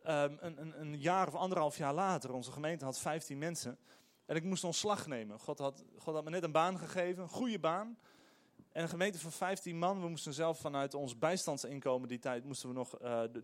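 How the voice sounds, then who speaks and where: Animated man preaching a sermon. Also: fairly high pitch, brisk. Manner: animated, emphatic preaching with hesitations. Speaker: pastor.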